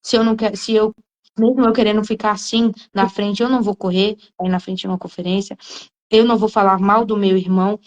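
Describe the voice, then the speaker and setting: A woman's voice: mid-range voice, fairly even intonation, a little fast, dull audio. A woman giving a casual spoken testimony, earnest and often repeating her words as she talks to her listeners.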